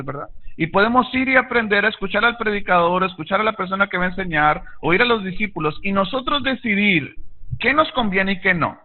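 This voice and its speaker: A middle-aged pastor preaching an earnest sermon in a church, asking the congregation to repeat after him. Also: male voice, sits high. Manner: earnest preaching with call-and-response. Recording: tinny phone-like audio.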